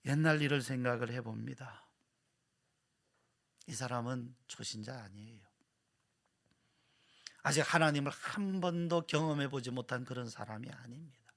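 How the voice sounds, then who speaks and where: A man preaching a sermon as pastor at a church service, dramatic and expressive, swinging from loud emphasis to hushed whispers. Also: mid-range voice.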